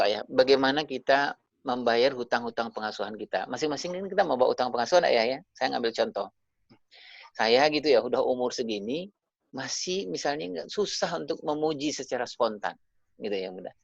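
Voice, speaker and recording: Gravelly guy doing a parenting webinar on a video call, keeps saying little fillers to the parents, dull lo-fi sound. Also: medium pitch, dry recording. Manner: addresses parents directly, with frequent tag fillers. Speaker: parenting speaker.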